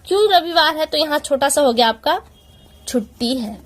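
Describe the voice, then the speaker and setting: In a lively, high-pitched voice, a female teacher works through exam preparation one step at a time, asking rhetorical questions along the way. Her pace drops as she reads example sentences aloud.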